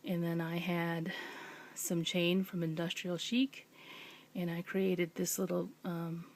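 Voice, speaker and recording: A woman talks in a hushed whisper at home late at night, walking through a craft project in a relaxed show-and-tell. Her voice sits a little low and has a gravelly, creaky edge. She pauses often and fills the gaps with ums. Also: slight background noise. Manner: whispering softly, with many ums. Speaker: crafting vlogger.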